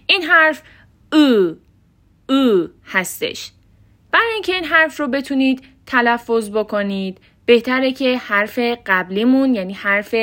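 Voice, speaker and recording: A woman teaching a pronunciation lesson, repeating each sound and example word slowly and distinctly. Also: on the high side, a bit bright. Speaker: language teacher. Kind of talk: instructional lesson, modeling pronunciation.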